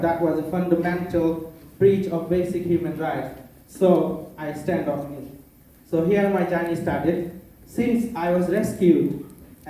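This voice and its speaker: Young Bangladeshi man, a bit high-voiced, earnest public speaker; distant mic, faint room hum. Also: warm tone. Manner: earnest, non-native phrasing, playful asides. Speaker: conference keynote speaker. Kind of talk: public speech. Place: conference room. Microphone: far from the mic. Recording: echoey room, mic far off.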